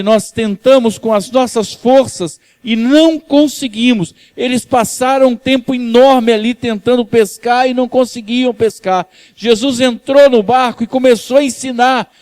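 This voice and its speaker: A man's voice: extremely high pitch, no echo. A male pastor, preaching a sermon in a conversational way, teasing the congregation and asking for amens. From Brazil. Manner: conversational, teases the congregation, asks "amém?". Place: church.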